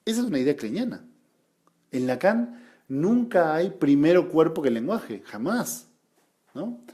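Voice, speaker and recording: A man's voice: a little high, big pitch swings, a little slow, mellow. A man with an Argentine Spanish accent teaching a study group in an explanatory lecture, often adding rhetorical tag questions and repeating points for emphasis.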